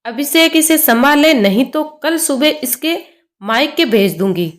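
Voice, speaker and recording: A woman's voice: high-pitched, expressive, measured pace. A woman voicing a harsh, domineering older mother-in-law who scolds and gives orders. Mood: scolding. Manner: scolding, commanding.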